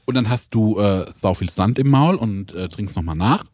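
A man chatting casually on a podcast, explaining at length and tagging his sentences with a quick question. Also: on the low side, lively intonation, darkish tone, no echo, studio quality. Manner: rambling, chatty explainer with filler "ne?". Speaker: podcast host. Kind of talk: casual chat.

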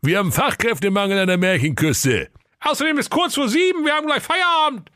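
A man voicing a lazy, mocking male fairy-tale brother who works a help hotline, sarcastic and high-pitched. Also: big pitch swings, normal speed, a bit bright, no room sound, studio quality.

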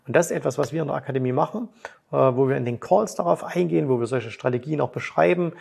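A man's voice: mid-range voice, fast, creaky, darkish tone, slightly rough. A man hosting a trading podcast, talking in a chatty, eager way and often tagging his sentences with a questioning "ne". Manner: enthusiastic, with sound effects like "bumm" and "brrrt". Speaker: trading coach and podcast host. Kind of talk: casual podcast monologue.

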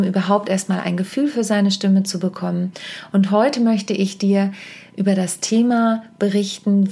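Gravelly-voiced German-speaking woman podcaster. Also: mid-range voice, darkish tone. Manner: chatty, direct, self-correcting with asides. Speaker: podcast host and stage coach. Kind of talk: casual spoken podcast advice. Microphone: podcast microphone.

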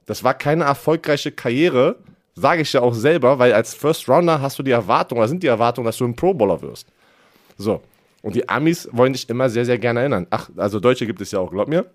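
A man in his thirties with a Berlin accent, co-hosting a casual podcast, animated and slangy, stumbling over his words and laughing often. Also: medium pitch, quick pace. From Germany. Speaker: podcast co-host, former football player.

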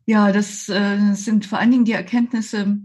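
Husky older woman explaining slowly. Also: mid-range voice, level tone, darkish tone. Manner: slow, measured explaining with frequent hesitations. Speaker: yoga teacher, interview guest. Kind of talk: explanatory interview talk.

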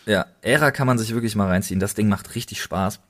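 Talking fast against slight background noise, a podcast co-host with a German accent and a fairly low voice keeps things casual and colloquial. He stacks up repeated intensifiers to show how enthusiastic he is.

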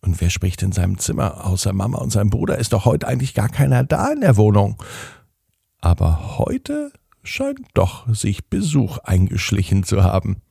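Calm male storyteller for bedtime stories, slow and lively in pitch. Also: gravelly, breathy edge, no room sound, clean studio sound. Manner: calm, unhurried.

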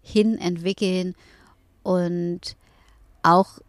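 A middle-aged woman from northern Germany, talking as an interview guest in a thoughtful way, pausing often with fillers. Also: lowish voice, fairly even intonation, dry recording. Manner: thoughtful, with many hesitations and fillers. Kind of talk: reflective conversation.

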